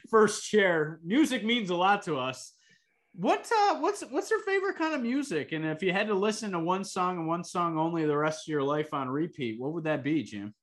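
A man hosting a casual interview show, upbeat and quick to react as he asks questions. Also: high voice, very animated, a bit bright. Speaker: talk show host.

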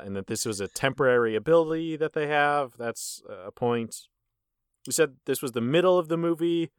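A man's voice: mid-range voice, smooth, no room sound. A man hosting a casual movie podcast, quizzing his co-host and scoring answers with dry wit.

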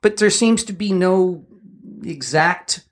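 A man co-hosting a casual podcast with a somewhat high-pitched voice. He tells his story in a loose, rambling way, full of ums and short laughs. The tone is relaxed banter. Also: slow. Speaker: podcast co-host.

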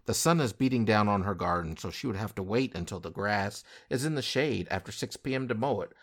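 A man's voice: fairly low pitch, animated, fairly quick. A man hosting a casual podcast, joking and rambling with mock indignation. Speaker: podcast host.

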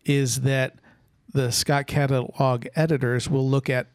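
A man explaining as a podcast expert, casual but measured and halting in the way he talks. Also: mid-range voice, level tone, no room sound, clean studio sound.

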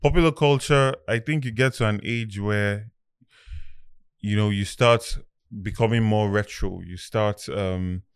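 A man answering as an interview guest, in a measured, explanatory way. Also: fairly low pitch, clear, resonant tone, no room sound, clean studio sound. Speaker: podcast guest, political candidate.

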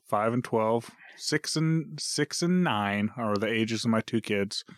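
A man's voice: lowish voice, slow pace, no room sound, studio quality. Jokey rambling male podcast host. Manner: rambling, jokey, self-interrupting. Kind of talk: casual chat. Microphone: podcast recorder.

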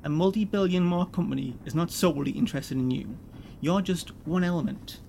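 A man's voice: a little high, fairly quick, gravelly, warm tone, slight background noise. A man voicing a smug, slick corporate executive who talks in a breezy, condescending, amused way.

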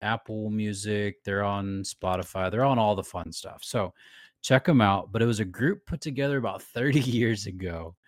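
A man co-hosting a podcast, telling a story in lively casual chat and laughing often. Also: fairly low pitch, normal speed, no echo. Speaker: podcast co-host.

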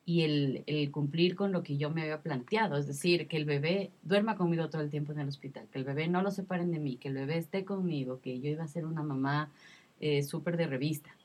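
Thirties woman, low husky voice, emotional and repetitive storyteller in casual talk. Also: fairly quick, darkish tone. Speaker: guest sharing her experience. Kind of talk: casual conversation.

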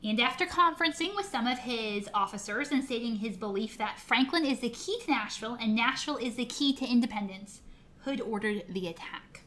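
Higher-voiced woman narrating history in an attic. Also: lively intonation, brisk, a bit bright. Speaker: history podcast co-host. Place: indoors in the attic of a historic house. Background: air conditioning may be running.

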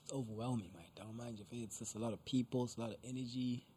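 A young South African man answering casually in an interview, telling things in relaxed everyday slang as a musician. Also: mid-range voice, racing, slightly rough. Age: young adult. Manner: slangy, conversational storytelling.

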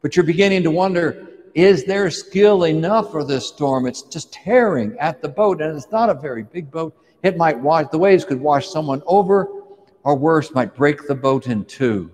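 A man's voice: on the high side, animated, normal speed, a little mellow, long reverb tail. A man preaching, retelling a scripture story vividly in the second person and drawing the listener into the scene. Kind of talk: dramatic sermon storytelling.

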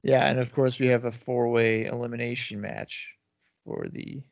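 A man's voice: mid-range voice, little pitch movement, normal speed, vocal fry. A man co-hosting a podcast, chatting casually and reacting to wrestling, on a slightly dull, lo-fi microphone. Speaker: podcast co-host.

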